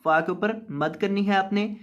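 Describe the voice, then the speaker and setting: A man teaching recitation word by word, explaining quickly and then drawing out each word slowly, closing with a melodic chanted recitation. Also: high-pitched, steady tone, fairly bright tone, lo-fi sound. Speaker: Quran teacher.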